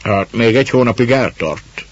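A man voicing a gruff, dark-faced, mustached peasant who speaks hoarsely and awkwardly. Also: medium pitch, lively intonation, highs cut off, voice pushed up, natural voice. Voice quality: hoarse, grumbling. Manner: awkward, halting, mumbled.

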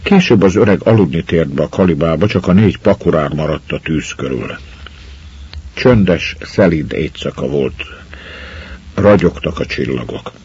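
Low raspy guy narrating a story, pitch moves a lot, muffled lo-fi recording. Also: animated, darkish tone.

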